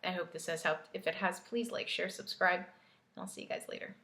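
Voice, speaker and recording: A woman's voice: lowish voice, steady tone, brisk, pushed and bright, echoey room. A woman giving a casual spiritual tarot reading, chatty and coaching, laughing easily as she talks. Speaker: tarot reader.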